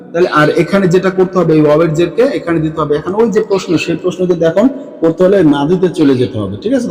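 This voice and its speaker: A male teacher with a Bangladeshi Bengali accent walks students through a grammar lesson. His voice sits somewhat high, and he keeps checking in with rising questions. The sound carries a long reverb, as if recorded in a hall. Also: mellow. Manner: counts through items slowly, repeating forms. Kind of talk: classroom lesson explaining grammar.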